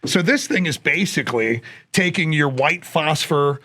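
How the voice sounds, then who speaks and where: A man co-hosting a casual chat podcast, his voice sitting fairly high for a man. He jokes, rambles and slips in sales plugs. The sound is close and dry, with no room around it. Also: lively intonation, measured pace, pushed and bright, dry recording. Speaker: podcast co-host.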